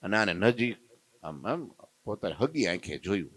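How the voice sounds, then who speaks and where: A man, a preacher telling a devotional story in a lively way and acting out its characters. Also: low-pitched, normal speed, husky. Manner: lively, acts out the story's characters in their voices.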